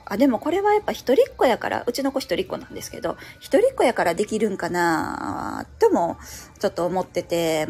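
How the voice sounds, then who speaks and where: A woman's voice: mid-range voice, darkish tone. Musing Kansai-accented woman, late thirties. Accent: Kansai Japanese. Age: late 30s. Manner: chatty and musing, frequent fillers. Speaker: radio host. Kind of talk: late-night casual solo chat.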